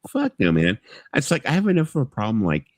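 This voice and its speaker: A man's voice: mid-range voice, huge pitch swings, quick pace, dry recording. A man in his fifties hosting a live stream, rambling casually, swearing freely and filling his talk with you-knows. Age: 50s. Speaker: livestream host.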